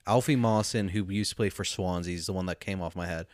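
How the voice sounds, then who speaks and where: A man's voice: low-pitched, fast, a little mellow, no echo, studio quality. A young man with a mixed accent that shifts from word to word, chatting casually as a podcast co-host, swearing and rambling through restarts. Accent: mixed, word-dependent accent. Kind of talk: casual chat.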